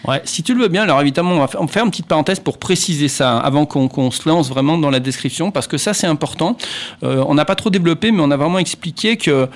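A male radio host, speaking in a slightly high voice. He talks in a halting, friendly way, filling gaps with hesitations and restarting his sentences as he leads the discussion. The sound is a plain studio talk-show recording. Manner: hesitant, many fillers and restarts; chuckles at his own anecdotes.

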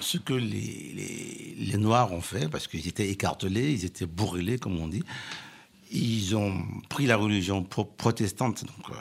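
A man answering questions as a guest expert on a radio show, halting and repeating words as he searches for the right phrasing. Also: on the low side, creaky, husky.

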